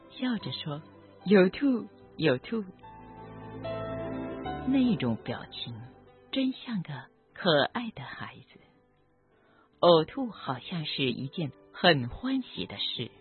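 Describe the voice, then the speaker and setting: A doctor telling a story about a patient in a gentle, measured, reflective narration. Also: mid-range voice. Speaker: doctor treating cancer patients. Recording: tinny phone-like audio with faint background music.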